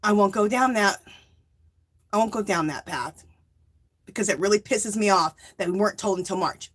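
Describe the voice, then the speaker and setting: Hosting a yarn crafting livestream, a woman reads viewer comments aloud, laughs a lot, and chats casually. To stress her points she tags lines with "okay?" and "Hello?" in an emphatic way. Her voice is mid-range and her speed normal.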